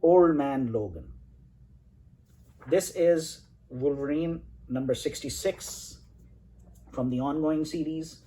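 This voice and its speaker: A man's voice: a little high, takes it slowly, long pauses, warm tone, low-quality recording. A man in his forties from Saudi Arabia, showing his comic collection in an enthusiastic, rambling way with many fillers. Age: 40s. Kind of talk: casual collection showcase.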